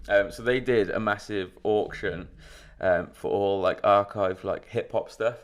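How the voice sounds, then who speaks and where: A man's voice: on the low side, unhurried. A young man co-hosting a podcast, rambling in casual chat with swearing and laughs. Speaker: podcast co-host.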